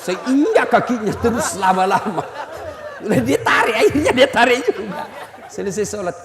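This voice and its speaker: Lively high-pitched comic preacher, man. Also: moderate pace, a crowd in the background. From Indonesia. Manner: animated storytelling, acts out the people in his anecdotes. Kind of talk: comic sermon. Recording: long hall reverb.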